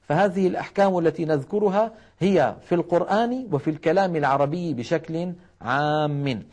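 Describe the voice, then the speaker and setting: A man with a fairly high voice leads a televised recitation lesson from a studio. He sounds out single syllables slowly and carefully, then explains how each one is formed. He keeps asking listeners at home to repeat after him. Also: darkish tone. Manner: repeats letter syllables to demonstrate, urges viewers to try at home. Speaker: Quran recitation teacher.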